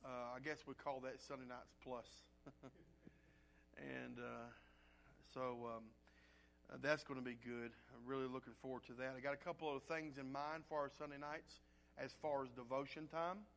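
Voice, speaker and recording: Male pastor, rattly congested throat, mid-pitched, informal and folksy church announcements over audible hum. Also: little pitch movement, vocal fry, a bit bright. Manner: folksy, halting, conversational. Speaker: pastor leading an evening church service.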